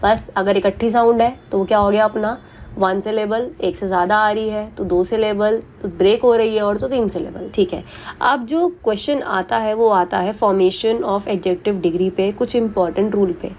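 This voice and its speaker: A woman teaching English grammar for exams, explaining patiently in a mix of Hindi and English and repeating the example words slowly. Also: mid-range voice, fairly even intonation, a little mellow, slight background noise.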